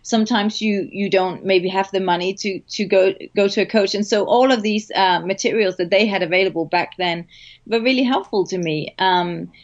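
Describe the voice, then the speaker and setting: A woman's voice: medium pitch, normal speed. A woman with a Danish accent, a hypnotherapist and meditation teacher, talking reflectively in a casual interview. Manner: warm, reflective, with light laughs and fillers. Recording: dull lo-fi audio.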